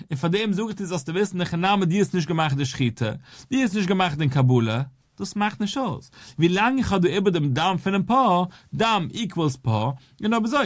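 Sing-song rabbi teaching Talmud. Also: male voice, fairly high pitch, no echo, clean studio sound. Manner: explains step by step, posing and answering questions. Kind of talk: daily Talmud lesson.

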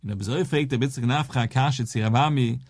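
A man's voice: mid-range voice, brisk, dry recording, studio quality. A rabbi teaching a daily Talmud lesson. He explains step by step, posing and answering questions in a sing-song study cadence.

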